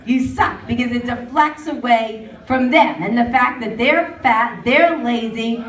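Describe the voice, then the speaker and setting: A woman doing a stand-up comedy set at an open mic in a pub, animated and mocking as she talks. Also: on the high side, unhurried. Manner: animated, mocking voices of others. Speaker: stand-up comic. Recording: roomy pub sound from far off.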